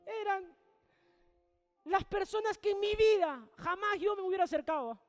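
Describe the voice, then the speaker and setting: A male pastor with a Peruvian accent preaches with a high voice. He tells his story in an animated way and acts out each exchange. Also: moderate pace, long reverb tail, soft background music. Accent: Peruvian Spanish. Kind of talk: storytelling sermon.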